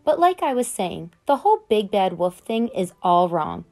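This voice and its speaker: A woman's voice: medium pitch, sing-song, moderate pace, darkish tone, faint music behind. A woman reading as Al the sly wolf. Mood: sly, chatty. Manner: chatty, conspiratorial storytelling with big swings. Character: sly smooth-talking male wolf telling his side. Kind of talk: children's picture book read aloud.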